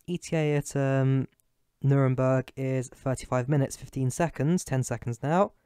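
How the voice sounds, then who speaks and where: A young British man with a mid-range, mellow, smooth voice chats casually with viewers while streaming a flight simulator. He speaks at a moderate pace with fairly even intonation, rambling and thinking aloud as he fiddles with settings. The audio is clean studio sound with no room echo.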